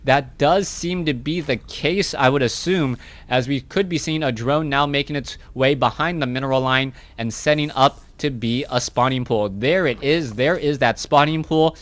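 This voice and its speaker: A man's voice: mid-range voice, normal speed, fairly bright tone. A man giving live play-by-play commentary on a strategy video game, chatty and often correcting himself mid-sentence. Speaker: esports caster.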